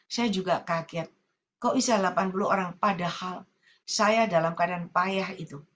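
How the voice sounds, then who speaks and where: A woman's voice: fairly low pitch, normal speed, dull audio, slight background noise. A middle-aged woman evangelist, preaching earnestly over a video call and often repeating her phrases to her listeners. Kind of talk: sermon over Zoom.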